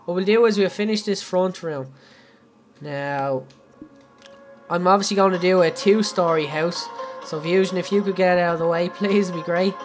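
With faint music behind him, a young Irish man casually leads a building tutorial on his game live stream, chatting, laughing often and speaking right to viewers. He has a high-pitched voice at a normal speed.

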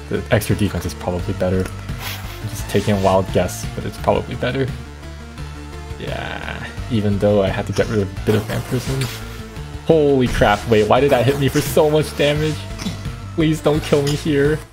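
A man streaming a game, chatting casually and thinking aloud with quick reactions. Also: on the low side, fairly even intonation, vocal fry, music in the background. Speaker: gaming streamer.

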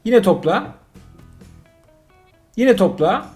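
Excitable man commenting on a game. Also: high-pitched, slow pace, soft background music. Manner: excitable, exasperated, joking. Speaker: father playing a mobile game with his son. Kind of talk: casual gaming commentary.

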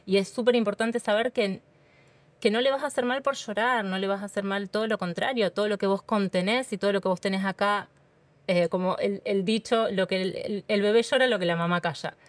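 An Argentine woman talks through a topic in casual podcast conversation, warm and earnest, stumbling over repeated words as she gathers her thoughts. Her voice sits at an ordinary middle pitch. The sound is dry and close, with no room around it. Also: fairly even intonation, a little fast, dry recording. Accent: Argentine Spanish. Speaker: doula, podcast guest.

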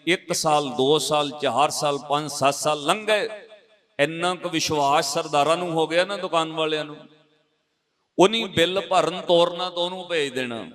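A male Sikh preacher tells a moral story in a sermon. He stresses and repeats key phrases as he addresses the congregation. His voice sits fairly high for a man. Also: moderate pace, a bit bright. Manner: emphatic, repetitive and addresses the congregation.

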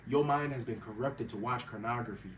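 A man's voice: mid-range voice, fairly quick. A young man with a slightly sick voice giving an earnest, emphatic motivational talk, calling his listeners bro and fellas. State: voice a little sick. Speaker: faith-based self-improvement YouTuber. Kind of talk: casual motivational talk to camera. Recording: slightly distant mic with faint ambient noise.

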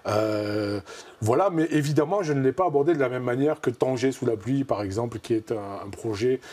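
A man in his fifties from southern France, with a southwestern French accent, is a comic artist appearing as a guest in a TV studio interview. He talks thoughtfully, a little fast, in a medium-pitched, slightly mellow voice, gesturing as he speaks and using many fillers. He's recorded on a lapel mic.

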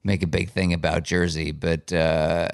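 A man's voice: deep voice, little pitch movement, unhurried, gravelly, smooth, no room sound. A man co-hosting a podcast, chatting casually with a dry, wry humor and a tired edge. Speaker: podcast co-host. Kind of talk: casual chat.

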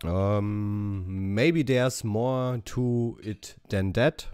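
Slow-talking man narrating a game walkthrough. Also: lowish voice, a little mellow, clear, resonant tone, no echo, faint music behind. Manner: reads English dialogue options haltingly, correcting himself. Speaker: gaming channel host. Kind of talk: casual game walkthrough commentary.

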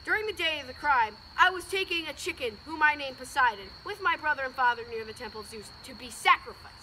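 A woman's voice: high-pitched, expressive, quick pace, sharp tone. A teenage girl acting as a nervous, defensive ancient Greek youth giving testimony in a school project drama. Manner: defensive, indignant. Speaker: student actor. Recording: noisy outdoor recording with crickets.

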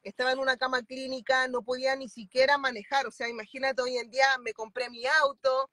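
A woman's voice: sits high, little pitch movement, brisk, pushed and bright, no room sound. A woman in her thirties with a Chilean accent, speaking fervently on a video call from inside a car. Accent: Chilean Spanish. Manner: fervent, emphatic. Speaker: mentoring client. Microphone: phone at arm's length.

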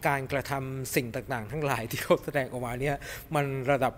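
A middle-aged man giving a casual, animated film review to camera in a cinema lobby, chatting with lots of fillers. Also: medium pitch, brisk, a little hiss or hum. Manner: chatty and animated, refers to himself by nickname, many fillers. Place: cinema lobby in front of a movie poster, indoors.

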